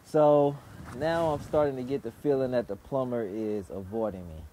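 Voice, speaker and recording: A man calmly narrating a walkthrough of an apartment building he is renovating, explaining each step in a measured, instructive way. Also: mid-range voice, a little hiss or hum. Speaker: property investor and renovation vlogger. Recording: echoey empty rooms, background music.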